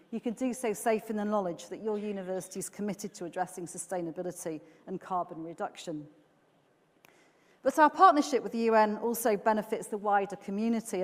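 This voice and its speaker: A woman's voice: medium pitch, a little mellow, long reverb tail. A woman giving an earnest, upbeat welcome speech to prospective students, with the odd filler. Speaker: university speaker giving welcome talk.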